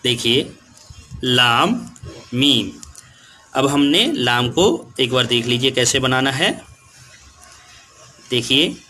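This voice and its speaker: Man, Urdu teacher, slow classroom lesson, patient repetition, bright voice, faint noise behind. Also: mid-range voice, lively intonation. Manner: slow, patient, repeats words for children.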